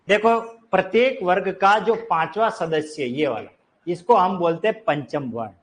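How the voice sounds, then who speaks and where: High-pitched guy teaching grammar, slow and careful, keeps asking the class questions. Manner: explains step by step, quizzes students. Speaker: Hindi teacher. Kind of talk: classroom lecture.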